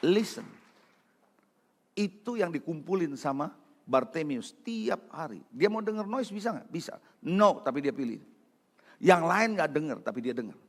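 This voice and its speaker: A man preaching a sermon as pastor, calling out to the congregation and swinging from loud calls to hushed lines. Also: a little high, big pitch swings, moderate pace. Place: church hall. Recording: long reverb of a large hall.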